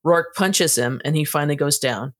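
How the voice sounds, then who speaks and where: A woman co-hosting a casual book review podcast, giving a steady, matter-of-fact plot recap. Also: low-pitched, normal speed. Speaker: podcast co-host.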